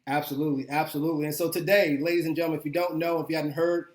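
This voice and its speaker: Upbeat guy hosting a podcast, kinda high voice, sounds like a big echoey room. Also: steady tone, very fast, a little mellow. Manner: upbeat, repeats words when enthusiastic. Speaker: podcast host. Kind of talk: casual interview chat.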